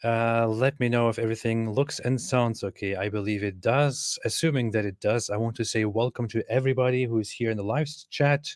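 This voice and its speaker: A man's voice: mid-range voice, steady tone, brisk, hardly any pauses, dry recording, clean studio sound. A man hosting a casual livestream interview, speaking hesitantly and often repeating his questions.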